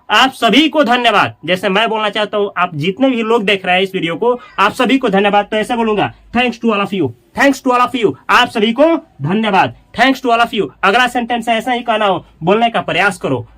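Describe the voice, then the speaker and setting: A man teaches spoken English to his viewers. He repeats every phrase slowly several times and talks to them directly and casually. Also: sits high, fairly bright tone. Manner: chatty, addresses viewers directly. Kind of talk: Hindi-medium English lesson.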